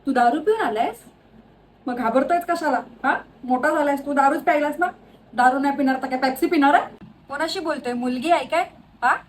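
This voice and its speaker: High-voiced woman in a comic sketch. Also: rough recording. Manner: indulgent and scolding by turns, rapid questions. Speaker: comedy sketch creator playing a doting mother. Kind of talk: comic sketch, talking to an unseen son.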